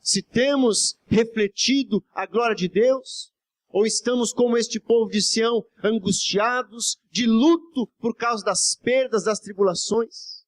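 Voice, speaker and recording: A man's voice: extremely high pitch, measured pace. A man, a pastor, preaching a fervent evening sermon in church, exhorting the congregation and often calling out to the brothers and asking for amens. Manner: constantly addresses "brothers" and asks for amens. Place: church service before a congregation.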